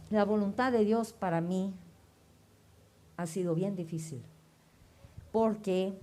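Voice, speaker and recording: Woman sharing a lively church testimony. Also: fairly low pitch. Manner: lively storytelling, acting out remembered dialogue. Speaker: church member giving testimony. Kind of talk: personal testimony sermon.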